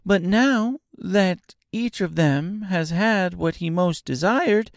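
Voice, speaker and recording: A man's voice: slow pace, dry recording, clean studio sound. A man doing Dorothy, an eager young girl. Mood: earnest. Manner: high, bright girlish voice.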